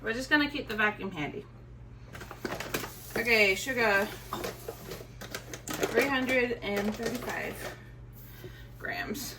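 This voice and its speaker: A woman's voice: a little high, takes it slowly, long pauses, heavy background noise. A young American woman with a congested voice, chatting casually in her home kitchen as a vlogger, talking to herself while she works. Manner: chatty, self-deprecating, talks to herself while working. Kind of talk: casual chat vlog.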